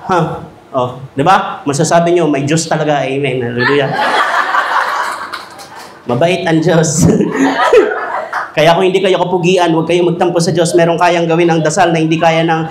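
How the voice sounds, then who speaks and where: A man giving a humorous, animated talk to teachers in a school hall. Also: a little high, moderate pace, pauses often, noisy background. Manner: animated, joking, acts out quoted voices. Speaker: speaker at a teachers' seminar. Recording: echoey hall.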